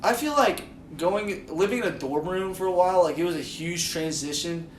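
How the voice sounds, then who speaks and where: A man's voice: high-pitched, animated, normal speed, distant mic, slight background noise. A young man hosting a podcast among friends, rambling with lots of fillers and laughing often. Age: young adult. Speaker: podcast host. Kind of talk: casual chat among friends. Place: room in a house. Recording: echoey room, voice from off mic.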